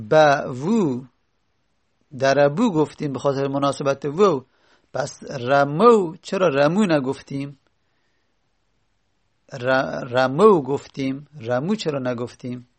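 A male teacher explaining Arabic grammar step by step, repeating word forms aloud. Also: medium pitch.

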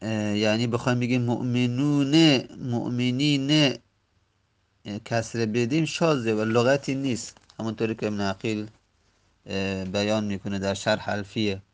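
A man's voice: on the low side, fairly even intonation, smooth. A man teaching Arabic grammar in a lesson. He recites the rule text, then explains it step by step and drags out each example word.

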